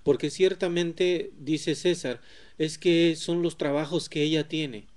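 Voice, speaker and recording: A man's voice: on the high side, steady tone, slow, a little mellow. A man on a religious talk program, agreeing and summing up the points the others have made. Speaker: co-host of a religious discussion program. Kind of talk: casual religious discussion.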